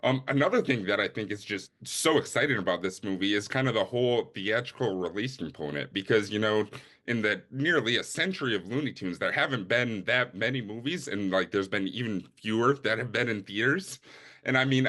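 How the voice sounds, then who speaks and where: A man's voice: fairly low pitch, sharp tone. A man interviewing in a casual, enthusiastic and agreeable way.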